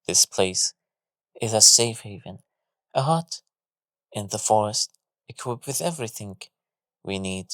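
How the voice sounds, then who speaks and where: A man voicing a gentle, protective mechanical golem with a resonant voice. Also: on the low side, expressive, measured pace, long pauses, dry recording, studio quality. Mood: tender.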